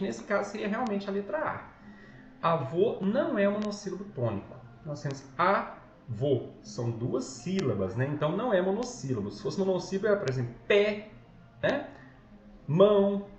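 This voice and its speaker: A man with a Brazilian accent, a school Portuguese teacher recording a lesson at home, talking patiently, often checking in and correcting himself. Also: a little high. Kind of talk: recorded online lesson walkthrough. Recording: echoey, slightly dull home recording with faint noise.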